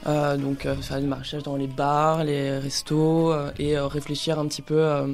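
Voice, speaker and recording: A woman's voice: deep voice, little pitch movement, moderate pace, a little mellow. Young woman on the radio, lots of ums, music faintly behind. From Brussels. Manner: hesitant, many fillers, laughs. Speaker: radio guest. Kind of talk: casual radio interview.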